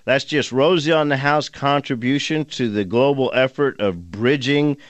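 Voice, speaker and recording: Older male radio host, call-in show, slow drawn-out talk, stops and restarts, dry close sound. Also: mid-range voice, no room sound.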